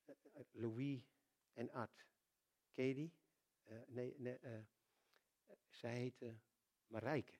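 A man preaching a sermon, telling stories with sudden swings in loudness and frequent repetitions. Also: medium pitch, steady tone, slow pace, long pauses.

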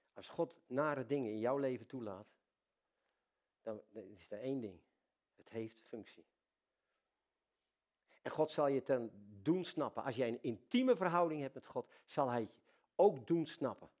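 An older man preaching a sermon at a middle pitch. He speaks of God as his dad and moves from hushed, intimate asides to loud, excited bursts. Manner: animated, swings from soft intimate asides to loud exclamations; addresses God casually as dad.

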